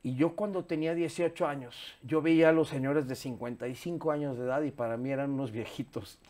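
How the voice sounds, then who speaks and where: A man in his fifties with a Mexican accent, talking candidly as an interview guest, animated and swearing freely, recorded on a lapel mic in a studio. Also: medium pitch, brisk. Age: 50s. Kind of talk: casual interview chat. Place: studio set with sofa.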